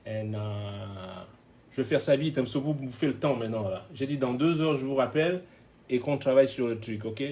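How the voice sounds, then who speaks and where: A man casually telling a road anecdote as a guest, animated, acting out other people's lines and laughing often. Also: mid-range voice, normal speed. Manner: switches into English phrases mid-story. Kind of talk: casual storytelling.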